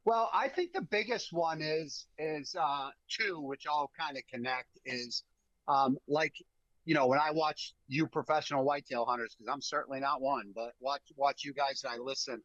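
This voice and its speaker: Brief: emphatic male guest, slightly raised pitch, dry and somewhat muffled audio. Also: moderate pace, no echo. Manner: animated, repeats words, emphatic. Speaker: guest, bear hunting guide. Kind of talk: casual storytelling.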